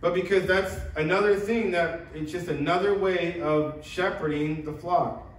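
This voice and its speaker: A high-voiced man delivers an earnest sermon to his congregation, often breaking off and restarting his sentences. He sounds some way from the microphone in a church sanctuary, and his voice rings around the room. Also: fairly even intonation, a little slow. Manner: earnest preaching with many restarts. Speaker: pastor. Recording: echoey church room from far off.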